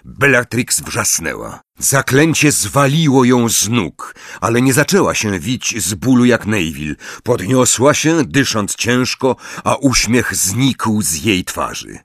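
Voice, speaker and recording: Slow, expressive male audiobook narrator. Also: lowish voice, dry recording, studio quality. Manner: dramatic, expressive reading. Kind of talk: scripted narration.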